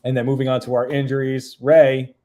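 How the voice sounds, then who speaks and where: A man's voice: medium pitch, level tone, brisk, warm tone. A man hosting a casual podcast, upbeat as he reads out live comments and thanks listeners. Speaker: podcast host.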